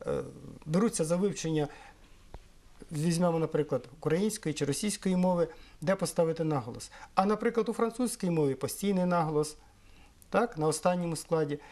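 A middle-aged man from Ukraine explaining things in an interview, measured and pausing often on fillers. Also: a little high, a little mellow. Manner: measured, with frequent hesitations and fillers. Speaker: interviewee, Esperanto historian.

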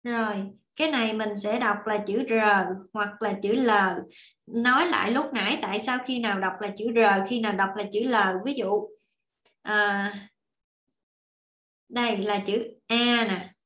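A woman's voice: medium pitch, fairly even intonation, a little slow, a bit bright, reverberant. A woman teaching an online Korean class, explaining patiently and repeating examples as she writes. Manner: patient, repeats and demonstrates while writing.

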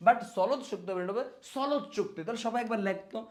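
A man's voice: sits high, fast. A man teaching an exam spelling lesson, speaking to students as friends and repeating words so they stick. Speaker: exam prep tutor.

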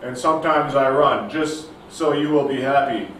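A man's voice: mid-range voice, moderate pace, fairly bright tone, natural voice. A young man playing a meek, oversized giant in a comedy sketch, pleading earnestly and respectfully. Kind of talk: amateur comedy sketch acting. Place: large indoor studio room with block walls. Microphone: distant camera microphone. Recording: very echoey, distant, noisy room sound.

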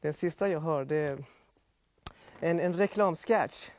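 Rambling man telling jokes, high-pitched. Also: darkish tone, slight background noise. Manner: rambling, halting with restarts. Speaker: amateur comedian doing impressions. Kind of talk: casual sketch and joke telling.

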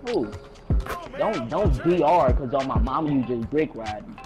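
A man's voice: mid-range voice, animated, moderate pace. A man in a voice chat during a basketball video game, boasting and swearing with sing-song jabs. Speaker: gamer on voice chat. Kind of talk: trash-talking gameplay chatter. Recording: game music behind the voice.

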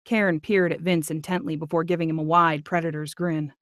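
A woman's voice: deep voice, level tone, brisk, a bit bright, dry recording, clean studio sound. A woman audiobook narrator, reading aloud and then chatting playfully. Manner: playful, laughs easily. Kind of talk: live reading and casual chat.

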